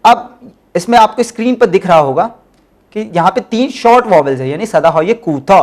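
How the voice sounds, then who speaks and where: A man's voice: sits high, lively intonation, normal speed, darkish tone. A man teaching Persian in a recorded lecture, explaining step by step, switching into English and repeating his key points. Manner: spells out letters one by one.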